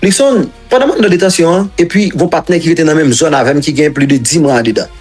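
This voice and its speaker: Haitian guy, husky voice, rambling on in an interview, repeats himself a lot. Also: on the high side, fast talker, darkish tone, soft background music. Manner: rambling, repetitive, mixing languages. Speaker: interview guest. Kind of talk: recounting a personal story in an interview.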